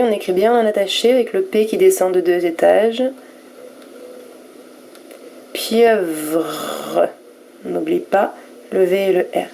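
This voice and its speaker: Slow, careful woman teacher. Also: fairly low pitch, creaky, warm tone, slight background noise. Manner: slow and careful, spelling out letters and syllables one by one. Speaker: primary school teacher. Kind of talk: recorded reading lesson for first graders.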